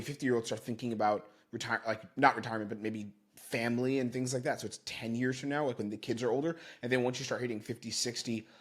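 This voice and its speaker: A man in his thirties, a sales coach giving commentary on a recorded sales call in a quick, run-on coaching manner. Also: medium pitch, a bit bright. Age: 30s.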